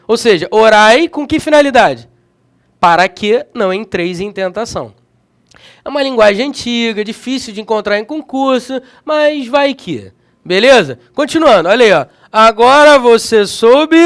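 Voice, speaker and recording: A man leads a grammar lesson for exam prep in a strikingly high voice. His pitch rises and falls all the time as he talks, keeping the delivery energetic. He keeps checking in with his students as he goes. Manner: energetic, checks in often with slangy tags. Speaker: grammar teacher.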